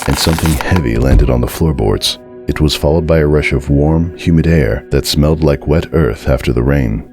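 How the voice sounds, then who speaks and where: Reading a horror story aloud as its narrator, a man with an exceptionally deep voice delivers it dramatically, deliberately and with suspense while music plays underneath.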